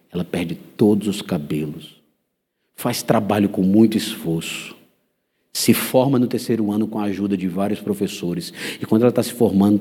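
A man with a Brazilian Portuguese accent preaching a sermon, telling a story with animated voices. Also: low-pitched, breathy edge. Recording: reverberant church hall.

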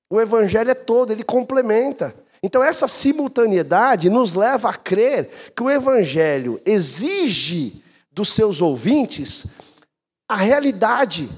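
A man, a pastor preaching a sermon and telling stories with lively swings of voice. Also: breathy edge. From Brazil. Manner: animated storytelling, swings between high and low pitch. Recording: reverberant church hall.

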